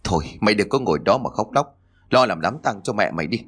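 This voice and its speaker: A man's voice: on the low side, animated, fast talker, breathy edge. A man voicing a harsh, scolding older brother. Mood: angry. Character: angry grieving older brother. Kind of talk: storybook reading.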